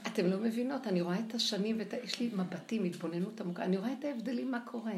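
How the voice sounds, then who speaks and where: An older woman giving a lively spoken religious lecture, acting out the voices she quotes. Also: mid-range voice, vocal fry. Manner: animated, acts out quoted voices. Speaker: religious teacher. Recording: echoey room with faint noise.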